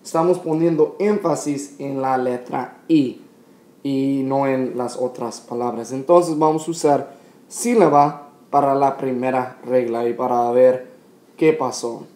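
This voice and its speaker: A man teaching a grammar lesson, explaining patiently and repeating key points with frequent pauses. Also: mid-range voice, mellow, roomy sound. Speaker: Spanish teacher. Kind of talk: classroom explanation.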